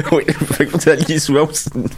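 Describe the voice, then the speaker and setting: A man's voice: on the high side, fairly quick, crowd noise. A man with a Quebec French accent chatting casually as co-host of a comedy interview.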